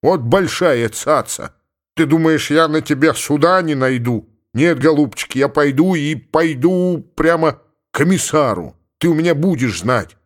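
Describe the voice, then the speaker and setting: A man's voice: on the high side, lively intonation, unhurried. A man voicing a sly, stubborn older village cossack who grumbles and mutters to himself with comic indignation. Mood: indignant muttering.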